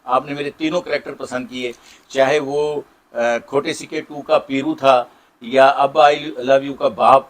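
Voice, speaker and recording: A middle-aged actor with a Saraiki accent, answering interview questions in a warm, grateful way with many pauses. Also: male voice, medium pitch, fairly even intonation. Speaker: Saraiki drama and film actor.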